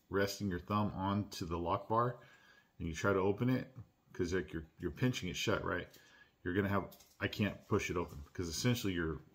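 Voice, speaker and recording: A man hosting his own channel, unboxing and reviewing a pocket knife in a relaxed, chatty way with lots of "uh"s and restarts. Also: low voice. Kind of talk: casual unboxing and product review. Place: at home.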